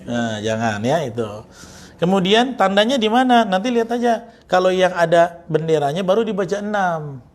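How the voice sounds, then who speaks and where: A man's voice: high voice, very animated, moderate pace. A man teaching Quran recitation, chanting verses and then correcting pronunciation with teasing remarks.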